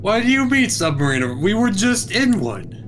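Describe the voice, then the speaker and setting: A man's voice: high-pitched, sing-song, moderate pace, music in the background. A man chatting casually with a friend while playing a game, teasing and bantering. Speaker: gamer. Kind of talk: casual gaming chat.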